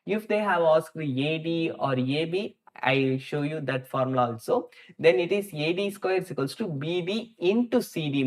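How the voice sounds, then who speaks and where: A man with an Indian accent teaching a live maths lesson, thinking out loud as he works through problems step by step and addresses students directly, often repeating words for emphasis. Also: fairly high pitch. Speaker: maths teacher hosting a live online class.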